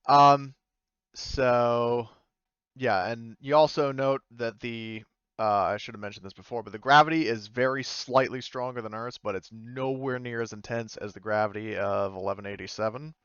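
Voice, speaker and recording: A game master leads an online tabletop game over a voice call, narrating casually in a smooth, mid-range voice with a bit of brightness. He hesitates and often corrects himself, and the recording is dry and lo-fi.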